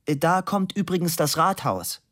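A man voicing a young man who gives absurd answers in a raised, dry, deadpan voice. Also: a little high, unhurried, pitched above the performer's own voice.

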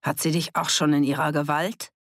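A reader voicing a boastful village man who stirs up a pub crowd, raised and loud. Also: a little high, little pitch movement, moderate pace, gravelly, no echo, studio quality. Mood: agitated. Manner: loud, rabble-rousing, boastful. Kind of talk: audiobook character reading.

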